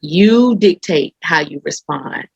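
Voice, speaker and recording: Brief: woman host, slow and lowish voice, supportive short replies. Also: expressive, creaky, slightly rough, dry recording, highs cut off. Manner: short affirmations, attentive listener. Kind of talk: interview host.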